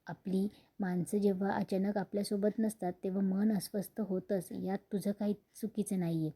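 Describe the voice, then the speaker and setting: A woman voicing a calm, wise elderly grandmother who speaks soothingly. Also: mid-range voice, normal speed, breathy edge. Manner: soothing, advising.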